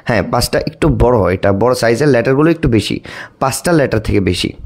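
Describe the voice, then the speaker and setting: Man, English teacher, grammar lesson, very animated pitch, asks and answers himself, drawn-out example words. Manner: stretches out words, spelling and repeating them slowly; frequent fillers and restarts, asking and answering his own questions. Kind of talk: explanatory lesson.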